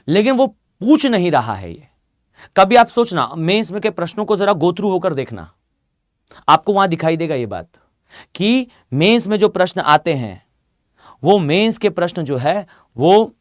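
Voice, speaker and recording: A male geography teacher with a highish voice gives a live exam-prep lecture, speaking conversationally, repeating himself, and using lots of fillers. The sound is clean studio quality with no room sound.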